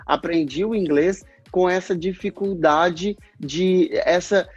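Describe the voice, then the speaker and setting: A man's voice: high-pitched, slow pace, slightly rough, no echo, highs cut off, soft background music. A Brazilian man, a speech therapist, explaining in a livestream interview and acting out past conversations, with a Brazilian Portuguese accent. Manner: earnest, explanatory, acts out past dialogues.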